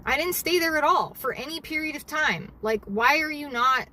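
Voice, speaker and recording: High-voiced woman venting angrily in a car. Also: normal speed, pushed and bright, slight background noise. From Southern California. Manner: angry venting, heavy swearing. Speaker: delivery driver vlogger. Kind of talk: casual livestream chat while driving.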